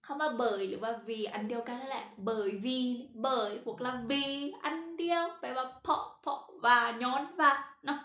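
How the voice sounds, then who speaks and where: A woman's voice: high voice, normal speed, hardly any pauses, pushed and bright, roomy sound. Chatty woman teacher with a Lao accent. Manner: chatty, laughs at her own slips. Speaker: language teacher. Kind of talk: casual language lesson.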